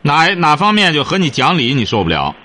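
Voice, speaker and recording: Lively-voiced male radio advice host. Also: a little high, brisk. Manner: folksy, coaxing, repeats "晓得吧" and "是不是". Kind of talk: call-in advice talk.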